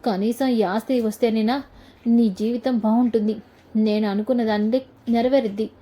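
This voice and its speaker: A woman's voice: on the high side, fairly even intonation, normal speed, warm tone, natural voice. A scheming, scolding granny, as a woman narrates her. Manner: scolding, advising. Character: scheming older grandmother, scolding.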